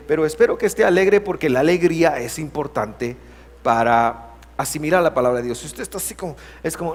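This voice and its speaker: Animated Guatemalan preacher in a reverberant hall. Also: male voice, mid-range voice. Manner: animated preaching, alternating loud emphasis with hushed, drawn-out words. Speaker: pastor. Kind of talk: sermon. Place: church sanctuary. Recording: reverberant hall, faint hum.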